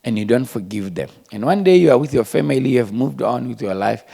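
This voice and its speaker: A male pastor delivers a sermon, his voice carrying a gravelly edge. He pushes key words loudly, then drops to hushed, almost whispered asides. His pitch sits in an ordinary middle range for a man. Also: animated, fast talker. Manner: emphatic, swings between loud stresses and hushed asides.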